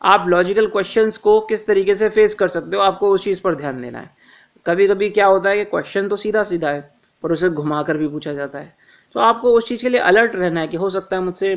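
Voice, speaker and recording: A man giving informal career advice to viewers, calling them friends, repeating his reminders and often pausing on filler sounds. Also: high-pitched. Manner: addresses listeners as friends, frequent "uh" fillers; instructive, repeats key reminders.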